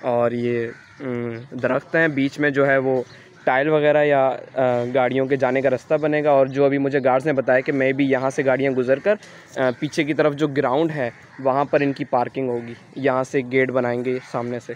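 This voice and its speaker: Walking through a construction site with a handheld phone camera, a young Pakistani student shows viewers around campus in a Karachi Urdu accent. He talks at a moderate pace in a medium pitch with little pitch movement, thinking aloud hesitantly and saying "uh" a lot. The recording sounds muffled.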